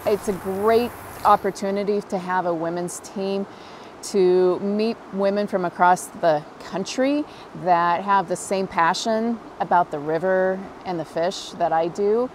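A woman's voice: medium pitch, unhurried, a little hiss or hum, rough recording. A middle-aged woman with a Montana American accent, a fly fishing guide, talking earnestly and with enthusiasm in an outdoor interview by a river. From Montana, USA. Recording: interview with music bed.

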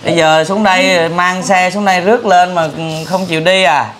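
A man's voice: high-pitched, steady tone, normal speed, a bit bright, slight background noise. A man hosting a charity vlog, chatting and joking with a family as he coaxes a boy to come to the city. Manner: coaxing, jokey, talks to the family. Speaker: vlogger, charity host. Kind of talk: casual chat.

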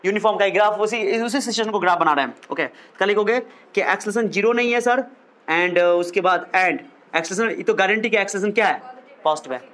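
A man's voice: sits high, a little fast, a bit bright. A man teaching physics in a lecture, asking questions and repeating key phrases. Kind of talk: classroom lecture.

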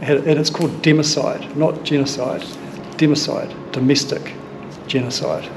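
A man in his fifties with a New Zealand accent, talking earnestly and thoughtfully in a museum and archive, pausing to pick his words. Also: fairly high pitch, steady tone, background noise. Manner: earnest, measured, with thoughtful pauses and fillers. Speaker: sailing vlogger recounting family history. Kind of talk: casual explanation on camera. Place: indoor archive room and museum hall. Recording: music bed underneath.

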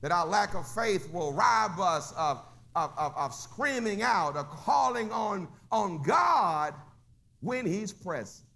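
A pastor preaching a sermon, rising into shouts and sung whoops and asking the congregation "Huh?". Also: male voice, high voice, expressive, takes it slowly, creaky. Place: church sanctuary.

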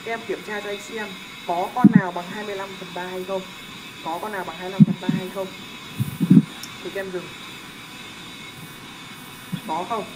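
A man's voice: high-pitched, steady tone, fairly quick, pauses often. A young man teaching a math lesson in a casual, joking way, often checking that his students are following. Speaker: math tutor. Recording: loud background noise.

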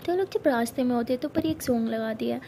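A woman's voice: a little high, fast talker, noisy background. A woman narrating a story in a casual, conversational way. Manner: conversational, plain recounting.

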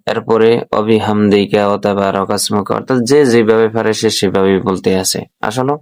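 A man teaching how to pronounce a prayer, repeating each phrase slowly for learners. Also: fairly low pitch, dry recording. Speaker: religious teacher. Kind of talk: recitation lesson.

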